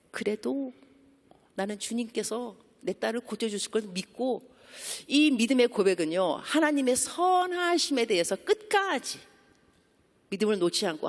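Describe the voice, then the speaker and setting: A woman preaching a sermon as a guest missionary, asking the congregation questions and mixing in English words. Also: a little high. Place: church sanctuary. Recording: long church hall reverb.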